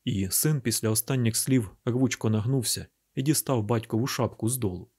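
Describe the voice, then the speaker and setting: A man narrates a literary audiobook in a measured, grave manner. His voice is husky and sits at an ordinary pitch. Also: darkish tone.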